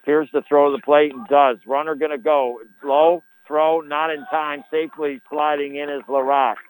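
A man calling a live high school baseball game on radio, with a folksy, colourful turn of phrase. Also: little pitch movement, moderate pace, clear, resonant tone, rough recording. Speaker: baseball play-by-play announcer. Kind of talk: live radio sports commentary. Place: broadcast booth at ball game.

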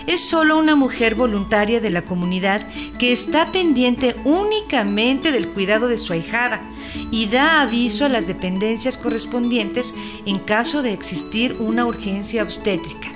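A woman with a Mexican accent plays a calm, helpful health hotline operator in a scripted radio drama, speaking formally and explaining things politely and informatively. Her natural voice is on the high side, animated, and moderately paced, with guitar music behind her.

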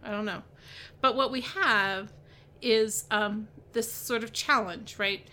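A woman's voice: medium pitch, takes it slowly, bright, forceful tone. A woman hosting a devotional podcast, chatting casually about a Bible passage with lots of fillers, restarts and "right?" tags. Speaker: podcast host and Bible teacher.

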